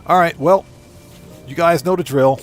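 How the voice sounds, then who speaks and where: A man with a fairly high voice speaks at a normal speed, giving casual live game commentary with music behind him. He's a live streamer who hosts his own channel, chatting informally to viewers and repeating phrases for emphasis.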